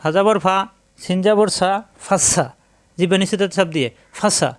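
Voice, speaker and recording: Here a man gives a tajweed class in a high, resonant, smooth voice. Every rule gets a slow explanation and a repetition before he breaks into extended chanting of the words he is teaching.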